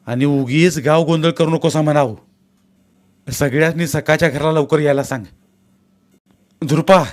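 A stern elderly farmer, put on by a male narrator in a spoken story. He scolds and gives brisk orders in a somewhat raised, firm voice. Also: fairly high pitch, pitched above the performer's own voice, lightly acted.

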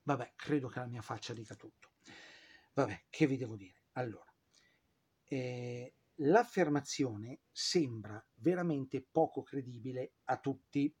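Husky man telling history with sarcasm. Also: mid-range voice, unhurried, darkish tone. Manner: chatty, with frequent fillers and sarcastic asides. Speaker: history presenter. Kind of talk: informal history storytelling.

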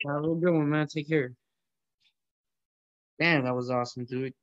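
A young Colombian man hosts an online audio room from a small indoor room, chatting casually about food and math in laid-back, profane slang full of "bro" and "yo." His voice is a little high, steady and moderately paced. There's no echo, and the highs are cut off.

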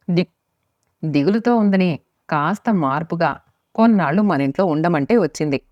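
A woman's voice: fairly low pitch, a little mellow, no room sound, natural voice. A woman voicing a weary, irritated husband. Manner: exasperated, curt. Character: weary middle-aged husband, irritated, newspaper-reading. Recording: dry, slightly muffled lo-fi recording.

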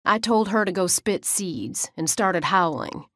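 A woman's voice: lowish voice, a little slow, fairly bright tone, no room sound, studio quality. A woman with a drawl, narrating an audiobook in first person in a folksy way.

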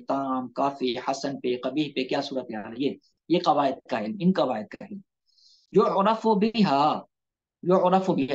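A male Islamic scholar giving an online lecture on Quran recitation rules. He explains patiently, repeats key terms, quotes Arabic passages and asks rhetorical questions. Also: medium pitch. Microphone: mobile phone on a video call. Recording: dull lo-fi online call audio.

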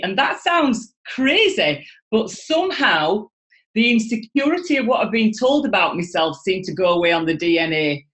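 Talking through a webcam on a video call from home, a middle-aged guest with a Yorkshire, England accent delivers an animated motivational talk. She's enthusiastic and expressive, gesturing a lot, with a mid-range voice.

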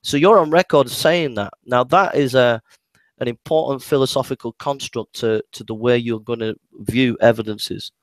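Man, mid-pitched, halting and repetitive, debating, dry close sound. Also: dry recording. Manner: hesitant, many restarts and repeated words. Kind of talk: casual debate.

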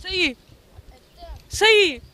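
A woman's voice: extremely high pitch, animated, extremely slow, bright, forceful tone. A middle-aged woman with a Tunisian Arabic accent giving a pleading street interview, repeating her phrases over and over. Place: street outdoors.

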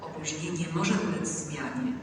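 A station announcer reading scripted train announcements over a railway station loudspeaker in a measured, formulaic way. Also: mid-range voice, steady tone. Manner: measured, formulaic, evenly paced. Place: large railway station platform. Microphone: public address loudspeaker recorded from a distance. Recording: echoey station hall from far off, noisy. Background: station ambience noise.

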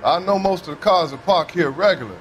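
An actor playing a wary, folksy working-class American railway worker in a naturalistic period game. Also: male voice, high voice, a little fast, natural voice. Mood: plain, wary. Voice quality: folksy, colloquial, defensive. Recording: noisy outdoor ambience.

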